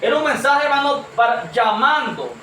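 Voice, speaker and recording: Man, preacher, sermon, high voice, far from the mic, echoey church hall. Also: very animated, normal speed, bright, forceful tone, slight background noise. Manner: earnest, addresses congregation as brother, rhetorical questions.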